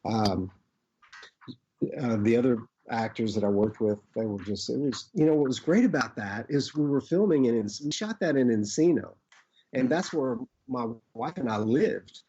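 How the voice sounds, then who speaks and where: A middle-aged man with an Arkansas accent, casually reminiscing as an interview guest in a rambling, halting way. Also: mid-range voice, animated, warm tone, breathy edge. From Arkansas, United States. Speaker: actor, podcast guest. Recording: dull, lo-fi audio.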